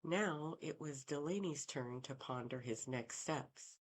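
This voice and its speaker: A woman reads a first-person mystery audiobook with a very deep, low-pitched voice. Her delivery is calm and even, the steady pace of a seasoned narrator. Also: a little slow.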